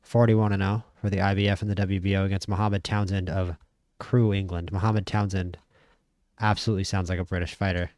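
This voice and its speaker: A man casually commentating a boxing management game, chatty and opinionated, stammering when he gets excited. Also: low-pitched, a little fast, no echo, studio quality. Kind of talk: casual play-by-play commentary over a boxing sim.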